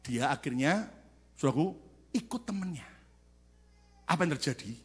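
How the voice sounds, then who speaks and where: A man preaching a sermon as pastor to a church congregation, asking questions and calling for answers, swinging from loud shouted peaks to quiet asides. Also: a little high, lively intonation, moderate pace, breathy edge. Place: large church sanctuary.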